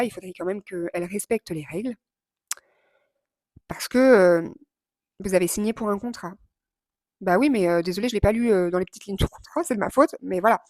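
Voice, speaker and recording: Animated woman telling a story. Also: medium pitch, no room sound, studio quality. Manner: animated, impulsive, swears and mimics others. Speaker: vlogger. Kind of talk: casual storytelling vlog.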